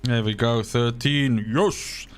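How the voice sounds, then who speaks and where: A man from South Africa, an Afrikaans speaker, takes it slowly in a steady, mid-range voice while faint music plays behind him. During his live gameplay stream he chats with viewers, wandering from topic to topic and swearing freely.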